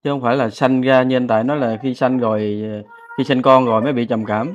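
A man's voice: mid-range voice, fairly even intonation, fast. A man co-hosts a vlog and explains things plainly to the viewers. The recording sounds a little dull and lo-fi. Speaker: vlog co-host.

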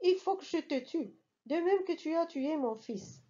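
A woman's voice: high voice, expressive, unhurried, dark tone, highs cut off, pitched above the performer's own voice. A woman voicing a huge, ancient, vengeful male genie who speaks in a harsh, threatening tone. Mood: menacing.

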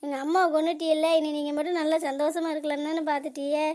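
A woman's voice: high voice, flat delivery, fast, a little mellow, close to an everyday voice. A woman voicing an adult daughter in a cartoon comedy, wailing and accusing her relatives.

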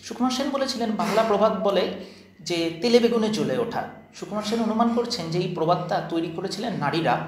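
A man giving a slide lecture, explaining step by step and posing questions before answering them. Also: high-pitched. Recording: echoey room with faint noise.

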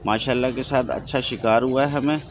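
A man's voice: mid-range voice, fairly even intonation, fairly quick. A man with a Karachi Urdu accent hosting a fishing vlog, filming on a handheld phone on a rocky shore at night and calling out each catch to viewers. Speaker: fishing vlogger host. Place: rocky seashore at night, outdoors. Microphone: phone camera held in hand. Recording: loud wind on the phone mic.

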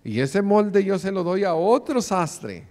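A man's voice: high-pitched, big pitch swings, slow, darkish tone. A man in his forties preaching a sermon in a church, often calling the listeners brother. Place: church sanctuary, in front of the pulpit. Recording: long church reverb.

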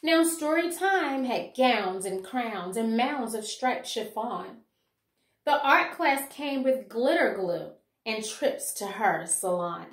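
Reading a children's picture book aloud, this educator has a higher voice, lively intonation and an unhurried pace. Her expressive reading and commentary are meant for kids and teachers. The setting is a small room in her home, and the sound is echoey.

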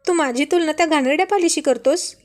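A woman's voice: high voice, quick pace, voice pushed up, close to an everyday voice. A woman voicing a fussy, stubborn young wife who is scared of a lizard, talking in squealing, petulant complaints. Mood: shrieking, disgusted.

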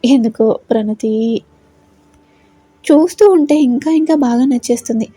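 A woman's voice: a little high, a little slow, dark tone, no echo. Woman playing a teasing young husband. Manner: teasing, husky murmur.

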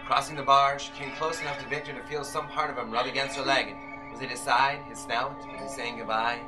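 A man in his thirties narrates a novel live in an intense, theatrical, radio-play style, his mid-range voice brisk and fairly even in intonation. An audience camera a few meters away captures it, and loud violin accompaniment plays over the recording.

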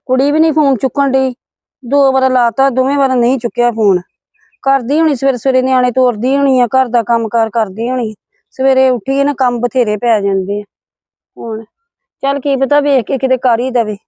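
A woman's voice: high voice, steady tone, moderate pace, dark tone, no room sound. An older woman with a Punjabi accent playing a worried mother-in-law, rambling on the phone. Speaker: actor in a family drama. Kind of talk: village family drama acting.

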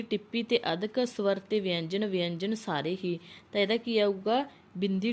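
A woman teaches an exam-prep lesson at a mid pitch. She reads out each multiple-choice question and its options, asks which one fits, and then gives the answer herself. She hesitates now and then and restarts her words. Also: darkish tone.

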